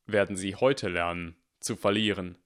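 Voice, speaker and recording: A man voicing a stern, cunning male teacher who speaks calmly, deliberately and firmly. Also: sits low. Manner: calm, deliberate and firm.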